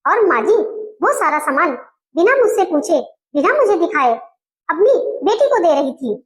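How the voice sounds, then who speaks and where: Woman playing a young wife, super high voice, firm and scolding, comedy skit. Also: sing-song, moderate pace. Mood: defiant. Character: outspoken young wife standing up to in-laws.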